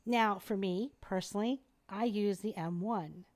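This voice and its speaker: This podcast guest is a middle-aged airway specialist with a mid-range voice and a measured pace. She teaches as she talks, explaining and demonstrating with liveliness.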